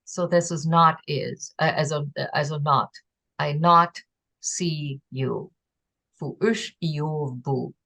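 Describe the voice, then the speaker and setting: A woman teaches over a video call, her voice sitting somewhat low. She talks very slowly and explains carefully, pausing often with fillers and sounding out example words. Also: a bit bright. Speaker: presenter teaching a constructed language. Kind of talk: online lecture presentation.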